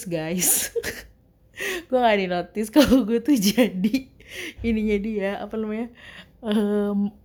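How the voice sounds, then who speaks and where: A young woman speaks, chatting to her viewers as she tells a story. Her voice sits a little low and sounds mellow and warm. She talks in a loose, slangy, animated way. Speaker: vlogger.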